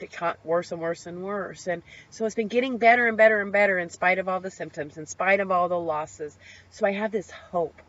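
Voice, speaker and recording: Candid middle-aged woman, muffled lo-fi audio. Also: fairly low pitch. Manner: candid and heartfelt, rambling with many ums and restarts. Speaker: vlogger sharing her recovery. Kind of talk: personal video diary.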